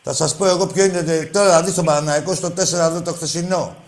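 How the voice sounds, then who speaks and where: A man's voice: a little high, steady tone. A man hosting a sports phone-in, chatting informally and bluntly in an exasperated way, often repeating himself. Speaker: sports phone-in show host. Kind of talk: casual sports banter with a caller.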